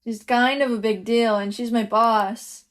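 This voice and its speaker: A woman's voice: fairly high pitch, steady tone, unhurried, close to an everyday voice. A woman voicing a casual, easygoing young producer who keeps spacing out. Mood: dozy. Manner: casual, easygoing, self-deprecating. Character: sleepy, scatterbrained young adult producer.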